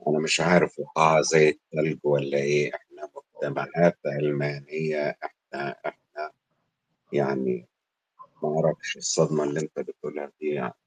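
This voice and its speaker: An Egyptian man with an extremely deep, husky voice, talking quickly and casually on a podcast. He hesitates and searches for words as he pushes back on his guest. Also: little pitch movement, low-quality recording. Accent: Egyptian Arabic.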